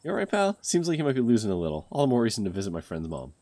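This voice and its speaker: A man voicing a bold, curious young woman who talks briskly and with determination in a game. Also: mid-range voice, huge pitch swings, mellow, no echo.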